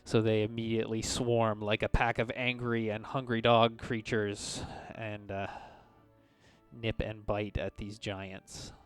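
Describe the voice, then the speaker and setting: A man acting as game master, improvising narration of tabletop combat in a halting but descriptive way. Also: lowish voice, flat delivery, clean tone, faint music behind.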